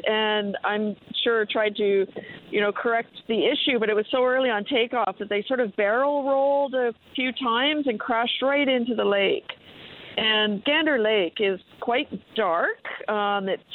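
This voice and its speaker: Woman explaining over a tinny phone line. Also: on the high side. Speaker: expert guest, explorer and diver. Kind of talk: explanatory radio interview. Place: on a dive boat, remote call.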